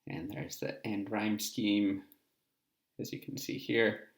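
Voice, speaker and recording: Casual teacher, low gravelly voice. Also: male voice, level tone, slow pace, echoey room. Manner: casual, explanatory, many "uh" fillers. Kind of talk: recorded class lesson.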